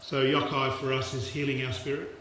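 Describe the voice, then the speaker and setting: An Australian man in his sixties speaks to a gathering in a reflective, halting manner. His medium-pitched voice is heard from away from the mic in a heavily reverberant space, with faint noise behind it. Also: flat delivery, fairly bright tone. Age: 60s. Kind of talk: informal public speech. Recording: echoey hall, distant mic, background noise.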